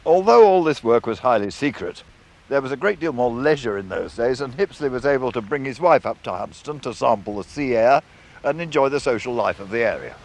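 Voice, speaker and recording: A British man presents a documentary, telling the story in a measured, scripted way with conversational asides. His mid-range voice has lively intonation.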